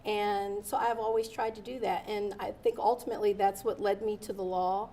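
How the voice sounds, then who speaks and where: A woman's voice: mid-range voice, little pitch movement, normal speed, dark tone, slight background noise. Earnest woman attorney, interview guest. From Delaware, USA. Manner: earnest, many ums and uhs. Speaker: guest, attorney and judicial candidate.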